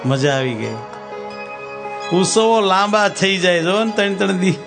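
A man's voice: high-pitched, expressive, a little slow, gravelly, over loud music. Folksy man preaching a sermon. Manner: folksy storyteller, acts out dialogue. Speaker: Swaminarayan sadhu preacher. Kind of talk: katha sermon with sung verses and anecdotes.

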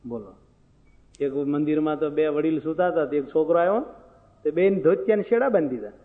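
A man's voice: fairly high pitch, a little fast. A man, giving a moral sermon full of folk anecdotes and rhetorical questions to his listeners. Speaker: preacher. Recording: phone-like sound, long hall reverb.

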